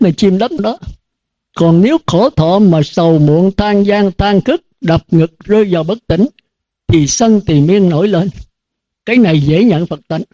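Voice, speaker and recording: High-voiced older monk teaching earnestly. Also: male voice, mellow, no room sound. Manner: earnest, repetitive teaching cadence with rhetorical questions. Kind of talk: dharma talk to students. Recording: dull lo-fi dry recording.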